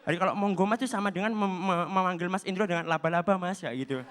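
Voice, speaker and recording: A man from Java performing a stand-up comedy set, animated and acting out little exchanges. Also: sits high, quick pace, clean tone. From Java, Indonesia. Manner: animated, acts out short quoted exchanges in other voices.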